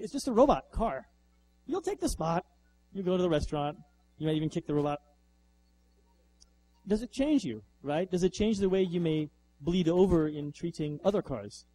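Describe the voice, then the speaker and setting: A man giving a lively, conversational lecture as an author, often posing rhetorical questions to the audience. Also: on the high side, a little hiss or hum, poor audio. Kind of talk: lecture with slides.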